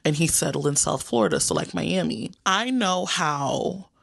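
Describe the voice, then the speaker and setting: A booktuber from New York, United States, chats casually and playfully with viewers about the books on her reading list, calling them y'all and baby. Her fairly low voice is expressive, gravelly and a bit bright, moving at a moderate pace. The recording is studio quality with no echo.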